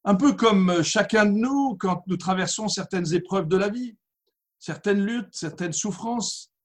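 A man preaching a sermon as pastor, reading scripture aloud and then expounding it with slow, deliberate emphasis. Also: high voice, slight background noise.

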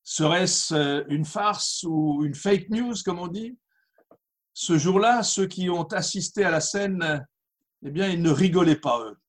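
Slow, husky-voiced male preacher. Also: high-pitched. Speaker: pastor. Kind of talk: sermon with Bible reading.

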